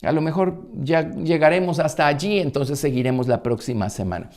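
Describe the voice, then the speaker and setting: A male pastor with a Guatemalan Spanish accent leads a conversational Bible study sermon, full of fillers and restarts. His voice is a little high and darkish, and he speaks briskly.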